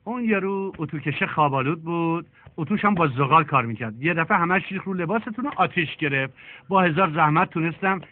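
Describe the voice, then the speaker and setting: An actor dubbing a cheeky young village servant who mocks the guests. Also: male voice, on the high side, animated, dry recording. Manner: mocking, wisecracking. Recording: tinny phone-like film dub.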